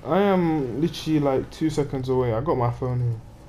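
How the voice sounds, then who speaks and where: A man ranting and cursing at a game while he plays it, talking through his frustration in real time. His voice sits in an ordinary middle pitch with a dark, mellow tone, and there is a faint hiss of noise underneath. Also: fairly quick. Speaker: gamer playing on stream. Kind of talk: live gameplay commentary.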